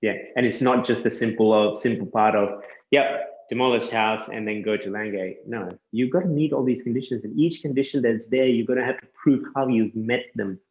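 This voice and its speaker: A man who works as a land surveyor, chatting casually and explaining things step by step with quick self-corrections. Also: mid-range voice, darkish tone, reverberant, dull audio. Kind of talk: casual podcast chat.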